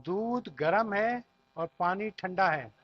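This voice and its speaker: High-voiced patient male Arabic teacher. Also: expressive, takes it slowly. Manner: patient, repeats each phrase and explains word by word. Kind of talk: classroom language lesson. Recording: dull lo-fi recording.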